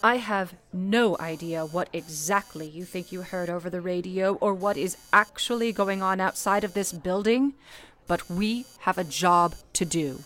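In an old-time radio play, a woman with a lowish, fairly bright voice plays a composed, motherly switchboard supervisor. She is earnest and formal, speaking in a measured, authoritative yet coaxing way.

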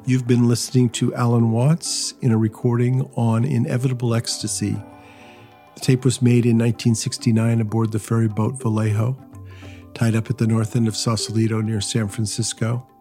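A man's voice: medium pitch, little pitch movement, moderate pace, mellow, soft background music. A man reading a scripted outro and sponsor note as a podcast host.

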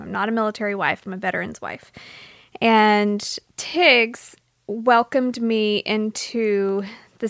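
A woman's voice: medium pitch, no room sound, clean studio sound. A woman hosting a talk show, introducing her friend in a heartfelt, rambling way. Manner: warm-hearted, emotional, rambling. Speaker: host. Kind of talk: casual chat.

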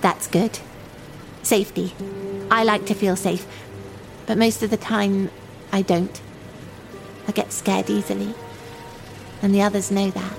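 A woman's voice: mid-range voice, level tone, a little slow, creaky, long pauses, over music. A woman playing a lonely, timid young runaway in an audio drama monologue, speaking in simple, naive, confiding phrases. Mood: fearful, subdued. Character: lonely, timid young runaway waiting for a train, childlike and wistful.

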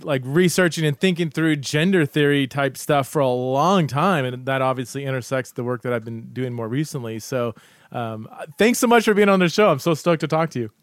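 A man's voice: mid-range voice, animated, a little fast, no room sound, clean studio sound. A man hosting a podcast, chatting casually and enthusiastically, rambling with fillers and restarts. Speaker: podcast host. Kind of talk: casual podcast intro and interview.

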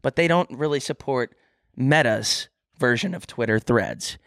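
Casual male co-host, medium pitch, th pronounced as f, self-deprecating humor, dry sound. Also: measured pace, a bit bright, dry recording. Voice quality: says th sounds as f. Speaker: podcast co-host. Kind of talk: casual comedic chat.

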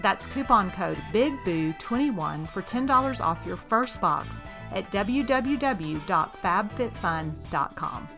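A woman's voice: mid-range voice, animated, slow pace, creaky, few pauses, music in the background. A woman reading a scripted, hard-sell sponsor ad as a personal endorsement on a podcast. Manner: promotional hard-sell ad read.

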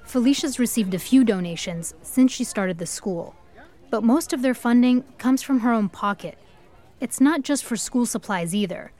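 A woman co-hosting a podcast, narrating the story in a measured, scripted way. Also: fairly high pitch, lively intonation, darkish tone. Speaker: podcast co-host.

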